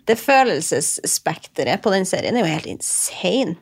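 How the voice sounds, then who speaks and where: A woman's voice: mid-range voice, very animated, slightly rough. A woman with a Norwegian accent, talking as a guest in a casual chat, enthusiastic and emphatic.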